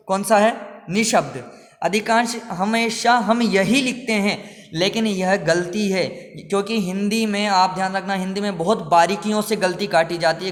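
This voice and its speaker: A man's voice: high-pitched, in a large hall. A male Hindi grammar teacher giving an exam-prep lesson, asking each word back to his viewers as a question and repeating the answer.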